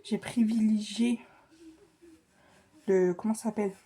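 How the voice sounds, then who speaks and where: A young woman chatting casually in a vlog, rushed and flustered, self-mocking, often dropping to a whisper. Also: mid-range voice, steady tone, dark tone, husky. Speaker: vlogger.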